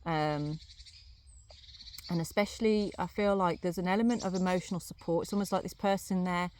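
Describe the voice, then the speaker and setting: A woman reading runes and tarot cards, thinking aloud in a casual, musing way with many pauses and fillers, chewing gum as she talks. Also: on the low side, fairly even intonation, darkish tone, slight background noise. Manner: chewing gum while talking. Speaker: rune and tarot reader. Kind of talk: casual card reading to camera. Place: outdoors on a sunny day, crickets behind.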